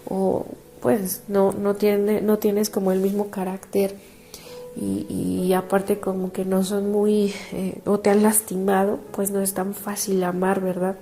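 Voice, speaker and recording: A woman pastor speaks in a mellow, relaxed voice, giving a devotional sermon. She tells a personal story in a chatty way, with soft laughs and frequent restarts. Faint music plays quietly behind her. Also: mid-range voice, vocal fry.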